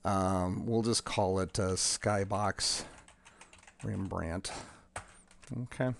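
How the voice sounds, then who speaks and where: A man casually walking through a demo of his software tool, talking in a halting way with many ums and restarts. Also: deep voice, steady tone, vocal fry, slight background noise.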